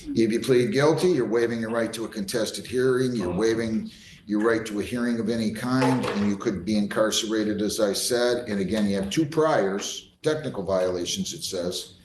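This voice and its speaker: A man's voice: lowish voice, normal speed, darkish tone. An American man speaking as a judge in a courtroom, putting formal procedural questions in a firm manner. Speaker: judge presiding over hearings. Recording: echoey room with faint background noise.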